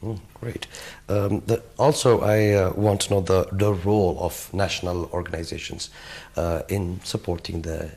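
Gravelly low-voiced male TV interviewer. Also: little pitch movement, normal speed, a little mellow. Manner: hesitant questions with fillers. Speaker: TV interviewer, host. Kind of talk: studio interview questions. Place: TV studio, seated at a desk.

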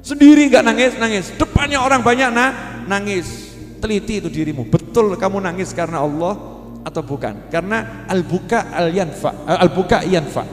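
A man's voice: high voice, fairly quick. A man with a Javanese accent giving a folksy, humorous sermon to a congregation. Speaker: preacher. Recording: echoey hall with music.

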